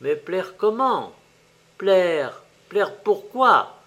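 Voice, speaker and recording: A poor little shopkeeper from a storybook, raising his voice higher and louder as he stubbornly presses his demand, as a man reading the tale puts him on. He draws out his words slowly and pleadingly. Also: very animated, heavily acted. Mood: insistent. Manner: insistent, pleading and loud.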